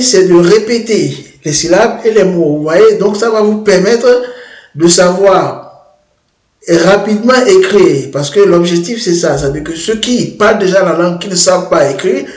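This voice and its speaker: A man leads a screen-demo tutorial for a language-learning app, his voice pitched high and his delivery slow. He talks haltingly, often restarting and repeating words. The recording carries a noticeable room echo. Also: darkish tone.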